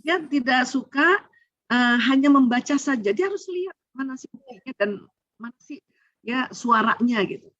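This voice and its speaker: Middle-aged woman, seminar speaker to parents; fairly high voice, dry, slightly muffled lo-fi sound. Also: moderate pace, dry recording. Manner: animated, chatty, laughs often. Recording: dull lo-fi sound.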